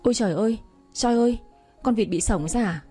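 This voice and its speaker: A woman's voice: fairly high pitch, warm tone, slightly rough, faint music behind. A woman doing a scolding old village grandmother. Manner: bossy, scolding, quick to complain.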